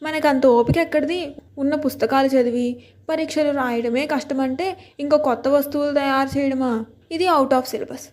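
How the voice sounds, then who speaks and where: A woman reading a story aloud in the first person, lively and expressive. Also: sits high, moderate pace.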